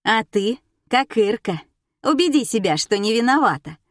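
A woman doing a foul-mouthed, shouting teen girl. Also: a little high, big pitch swings, moderate pace, no room sound, studio quality. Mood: shouting angry. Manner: shouting, snapping. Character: rough, foul-mouthed teenage girl, aggressive.

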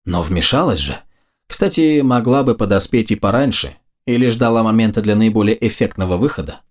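A man's voice: lowish voice, animated, fairly quick, lightly acted. A man voicing a sardonic, cocky male game character who teases and mocks. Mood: teasing. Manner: mocking, teasing.

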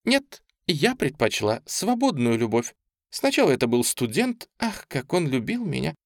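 A man's voice: a little high, sing-song, normal speed, no room sound, clean studio sound, voice pushed up. A man reading a story, voicing a flighty, theatrical young woman who gushes and preaches. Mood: gushing. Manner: gushing, theatrical, declaiming.

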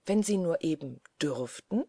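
A woman voicing a lively, sceptical young woman who talks in a brisk, mocking way. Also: sits low, breathy edge, dry recording, full character voice.

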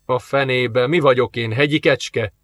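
A man's voice: mid-range voice, steady tone, fairly bright tone, no room sound, close to an everyday voice. A man reading an audiobook, voicing a tense male police captain under fire, curt and strained.

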